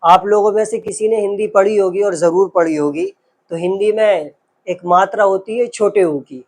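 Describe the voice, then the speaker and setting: A man's voice: high voice, moderate pace, darkish tone. A man teaching a patient lesson, sounding out letters one by one and explaining with rhetorical questions. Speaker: Urdu teacher. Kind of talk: slow, patient classroom lesson.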